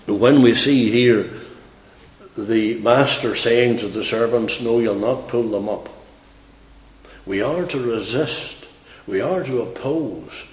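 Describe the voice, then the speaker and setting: A man's voice: lowish voice, reverberant, rough recording. A man preaching a sermon, emphatic and fiery, whose voice rises in sudden outbursts.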